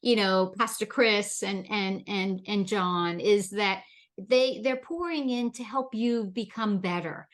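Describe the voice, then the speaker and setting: A podcast host originally from the Bahamas leads an interview chat about leadership, encouraging her guest and often repeating words as she builds her questions. Her voice is mid-pitched and she takes her time.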